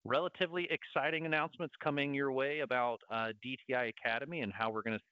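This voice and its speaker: A man's voice: medium pitch, steady tone, fast talker, clear, resonant tone, no echo, lo-fi sound. Upbeat Southern man on a video call. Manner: upbeat, promotional. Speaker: host. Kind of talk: webinar wrap-up.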